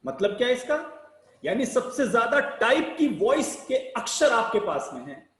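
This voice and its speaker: A man teaching public speaking in a slow, deliberate lecture, asking rhetorical questions and spelling out sounds one by one. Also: very high-pitched, very animated, fairly bright tone, echoey room, rough recording. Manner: rhetorical questions, emphatic rises and sinking ends.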